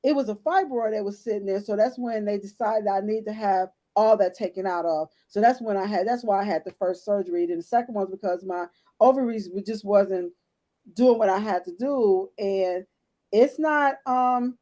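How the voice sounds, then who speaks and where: On a podcast she co-hosts, a woman in her late fifties openly recounts her own health story, addressing the women in her audience directly. Her voice is mellow and medium in pitch, delivered at a normal speed in a casual chat.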